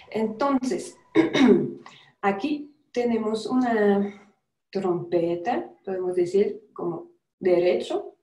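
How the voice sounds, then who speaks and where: Over roomy video-call audio, a trumpeter in her thirties from France gives an online guest lecture in a room with brass instruments around her. She has a medium-pitched, warm voice with a French accent and chooses her words with care, sometimes hunting for them.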